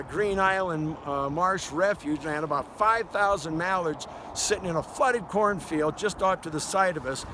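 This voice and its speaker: Older man, raised pitch, folksy instructor, casual outdoor lesson, noisy open-air recording. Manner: folksy, conversational. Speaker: duck calling instructor. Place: outdoors by a river. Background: outdoor noise, duck call quacks.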